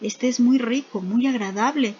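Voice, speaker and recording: A woman's voice: on the high side, moderate pace, a little mellow, slight background noise. A woman teaching a Bible study, speaking patiently and repeating words for emphasis. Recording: muffled lo-fi recording.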